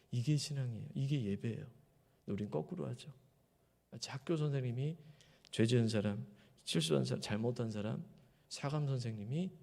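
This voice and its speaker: A man preaching a Sunday sermon as pastor, putting rhetorical questions straight to the congregation and swinging between soft low asides and loud emphatic rises. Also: vocal fry. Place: church sanctuary. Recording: long reverb of a large church hall.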